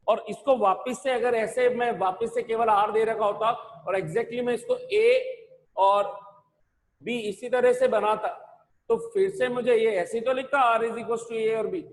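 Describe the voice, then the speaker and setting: A man with a high voice teaches physics at a slow, deliberate pace, dictating terms word by word and asking the class rhetorical questions. He switches between Hindi and English as he lectures. The sound carries a long reverb, as in a large hall.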